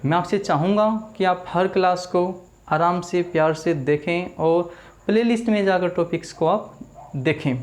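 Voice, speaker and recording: A man teaching a video English class in Hindi, saying each word slowly and asking listeners to repeat it back. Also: high-pitched. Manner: drills words slowly, repeats them, asks the class to repeat. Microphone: small camera in front of him.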